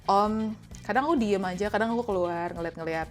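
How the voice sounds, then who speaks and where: A woman's voice: mid-range voice, brisk, music in the background. A woman talking as a podcast guest, chatty and laughing often, with many fillers. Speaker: podcast guest, business owner. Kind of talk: casual interview chat.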